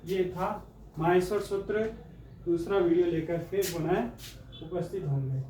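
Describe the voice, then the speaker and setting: Slow-drilling male Sanskrit teacher. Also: high voice, fairly even intonation, dark tone, slight background noise. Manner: slow, drilling letters one by one. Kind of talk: exam-prep lesson. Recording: echoey room, mic far off.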